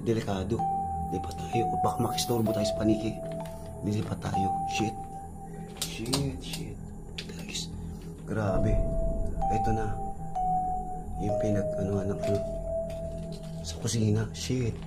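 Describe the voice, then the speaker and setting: A young man with a hoarse, strained voice explores an abandoned building at night, speaking to his viewers in tense half-whispers and jumpy exclamations. His voice sits low. Loud music plays over the handheld vlog recording. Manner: tense, jumpy, swears under breath, talks to viewers. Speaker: vlogger. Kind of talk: hushed exploration vlog narration.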